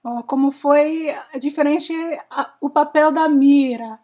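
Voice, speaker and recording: A high-pitched woman speaks Portuguese with an English accent. She takes her time, pausing to find words. Her manner is polite and careful, as an interviewer's is. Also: fairly even intonation, a little mellow. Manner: halting, polite, searching for words.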